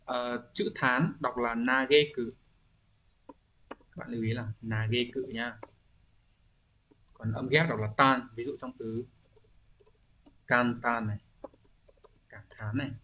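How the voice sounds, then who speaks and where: A man's voice: mid-range voice, fairly even intonation, takes it slowly, long pauses, sharp tone, dull audio, a little hiss or hum. A man teaching a recorded language exam-review lesson, explaining patiently and often asking rhetorical check-in questions, with frequent hesitation fillers as he thinks aloud.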